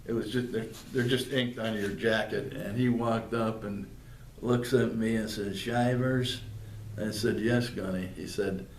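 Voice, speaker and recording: A man's voice: fairly low pitch, fairly even intonation, normal speed. Older man, plainspoken veteran, fillers and restarts, echoey room, faint hiss. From northeastern Pennsylvania. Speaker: veteran interviewee. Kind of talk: oral history interview. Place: public library room. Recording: roomy, with faint background noise.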